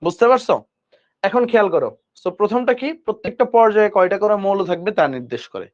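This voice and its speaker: A man's voice: high-pitched, animated, fairly quick. A man with a Dhaka Bengali accent teaching an online chemistry lecture, asking students questions and having them repeat element names after him. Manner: quizzes students with call-and-response recitation. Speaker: chemistry tutor. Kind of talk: online admission-prep lecture. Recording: dull lo-fi lecture audio.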